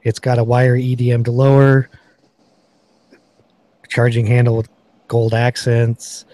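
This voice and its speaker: Dark-voiced man hosting a gun podcast. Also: mid-range voice, flat delivery, a little slow. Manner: chatty, reads off product specs. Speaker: podcast host. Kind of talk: casual gun review chat.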